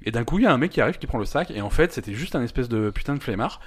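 A man's voice: medium pitch, breathy edge. A man co-hosting a casual podcast, telling stories with many stammered restarts. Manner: fast, stammering restarts, lively storytelling. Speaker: podcast co-host.

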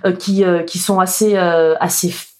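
A woman's voice: lowish voice, level tone, moderate pace. A woman, a stage hypnotist and podcast guest, explaining her craft earnestly in casual chat, with many fillers and restarts.

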